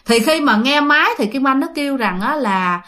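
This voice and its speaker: A woman's voice: high voice, lively intonation, moderate pace, bright, forceful tone. A woman with a Southern Vietnamese accent telling a ghost story in a chatty, filler-heavy way, often addressing her listeners. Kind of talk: casual ghost story narration.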